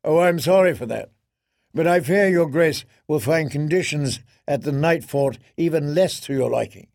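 A man's voice: a little high, creaky, a little mellow, dry recording, studio quality. A man as a courteous young commander. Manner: courteous, measured. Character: earnest young male commander of the watch.

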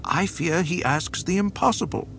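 A man's voice: fairly high pitch, animated, moderate pace, vocal fry, a bit bright, slight background noise, voice pushed up. A man doing a nervous, deferential commander. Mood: anxious. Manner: anxious, deferential. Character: nervous middle-aged male station commander.

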